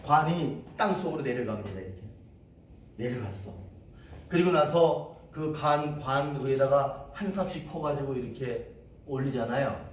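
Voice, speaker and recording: A man's voice: mid-range voice, unhurried. A male pastor preaching a sermon, telling a story in a conversational way and asking the congregation rhetorical questions. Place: church sanctuary. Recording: echoey hall from far off, faint hiss.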